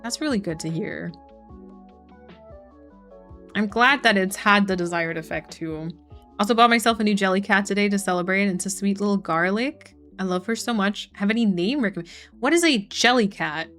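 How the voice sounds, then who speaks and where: A woman's voice: mid-range voice, moderate pace, a bit bright. Chatty woman streamer, faint music. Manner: chatty, reads chat messages aloud and answers them; frequent fillers like "like" and "um". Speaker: streamer chatting with her chat. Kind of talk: casual live-stream chat.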